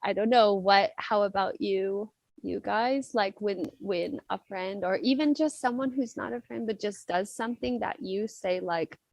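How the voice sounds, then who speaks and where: A woman's voice: medium pitch, measured pace, gravelly, no echo. A young woman chatting as a guest on a podcast, rambling and playful, with lots of fillers and little acted voices. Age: young adult. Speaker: podcast guest, club member. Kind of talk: casual podcast chat.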